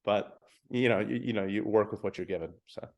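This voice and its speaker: Speaking a little fast in a lowish, slightly mellow voice, a podcast co-host in his thirties chats casually about music. His talk is loaded with fillers and jokes at his own expense.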